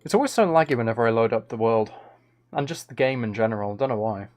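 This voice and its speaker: Talking fast with an animated, slightly mellow medium-pitched voice, the host rambles through a live game stream. He keeps up a casual, lightly wry commentary about himself while background music plays.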